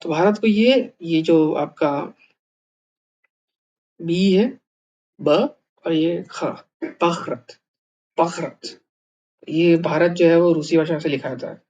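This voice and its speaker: A man's voice: fairly high pitch, slow, pauses often, mellow, dull audio. A man teaching a language lesson in a casual way, thinking aloud with many fillers and repeated words.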